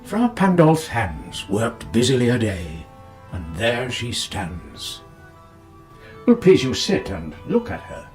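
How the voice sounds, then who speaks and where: A jealous, controlling duke broods over a painting, as a man reads him aloud. The voice swings widely up and down and drags each phrase out slowly. Soft music plays underneath the reading. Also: mid-range voice, huge pitch swings. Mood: brooding. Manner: slow, measured, brooding delivery. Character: possessive, controlling aristocratic male duke. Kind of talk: dramatic poetry reading. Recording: clip with faint music behind.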